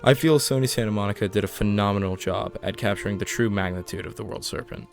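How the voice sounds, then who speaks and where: A man's voice: lowish voice, fast talker, gravelly, faint music behind. A man delivering scripted explainer narration as the narrator of a video essay.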